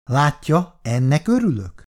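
A man voicing a calm, firm older housing committee official who speaks with steady authority, in an audiobook reading. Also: a little high, voice pushed up.

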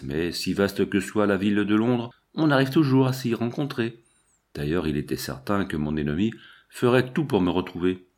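A man reading a novel aloud in a measured, storytelling way. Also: on the low side. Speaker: audiobook narrator. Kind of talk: scripted narration.

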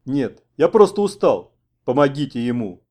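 A man's voice: medium pitch, very animated, normal speed, darkish tone, close to an everyday voice. A man voicing a stout male interpreter with a nasal, whining voice. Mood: pleading.

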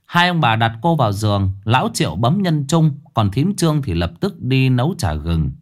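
A man narrating a ghost story in a dramatic, expressive way. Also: medium pitch, moderate pace. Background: faint background music.

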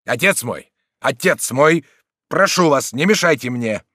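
A man's voice: mid-range voice, animated, a little slow, a bit bright, breathy edge, dry recording, clean studio sound. A man voicing a proud, hot-headed young nobleman who speaks defiantly and heatedly.

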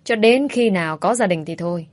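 A woman's voice: mid-range voice, dry recording, close to an everyday voice. A woman voicing a bossy older mother who scolds her daughter and schemes to marry her off. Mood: scolding. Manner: scolding, brisk.

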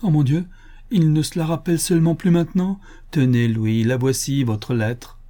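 A man's voice: mid-range voice, steady tone, slow pace, warm tone. A man voicing a weak, grieving young woman sick in bed, in an audiobook reading. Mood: heartbroken. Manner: faint, grieving.

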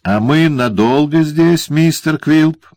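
A man's voice: on the high side, slow pace, a little mellow, dry recording, voice pushed up. A man voicing a fawning male lawyer in an audiobook, with a scratchy voice. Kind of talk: audiobook character voice.

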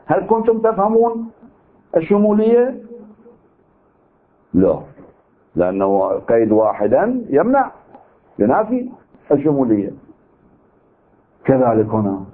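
Man lecturing with an Iraqi accent, tinny sound. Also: on the high side. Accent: Iraqi Arabic. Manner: argumentative, poses rhetorical questions. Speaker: seminary teacher. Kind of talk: lecture on legal theory. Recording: tinny narrow-band recording.

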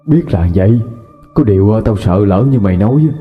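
A man playing a cautious, worried young man in a ghost story, talking quickly and hesitantly. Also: lowish voice, expressive, lightly acted. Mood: uneasy. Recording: dull lo-fi with faint music.

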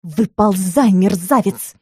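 A woman's voice: a little high, lively intonation, brisk, warm tone, breathy edge, no room sound. A woman voicing a short-tempered young witch fortune-teller in an audiobook, giving snappy, growled commands. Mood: irritated.

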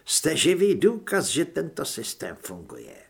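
A man voicing a cold, smiling male government official who speaks politely and with quiet menace, in a husky voice. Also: fairly high pitch, wildly swooping pitch, full character voice.

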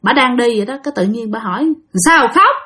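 This time the same Southern Vietnamese-accented woman races through her ghost story, still chatty and speaking straight to the audience. Her tone is fairly bright and her pitch a little high.

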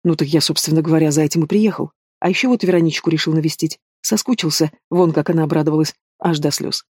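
Audiobook heavy: mocking young thug, read by a man, mellow and fairly high. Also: steady tone, fast talker, husky, no echo, studio quality. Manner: taunting, drawling, casual menace. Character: sneering young male villain, lazy and mocking. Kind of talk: audiobook character voice.

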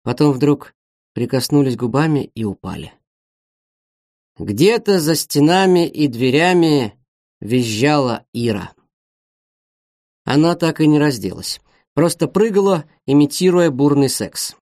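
A man narrating an audiobook in a wry, brisk manner. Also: a little high, sing-song, a little mellow, dry recording, clean studio sound. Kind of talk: scripted narration.

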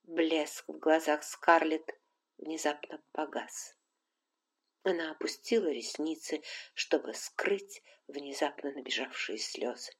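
Woman narrating an audiobook calmly. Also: sits low, takes it slowly. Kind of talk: scripted narration.

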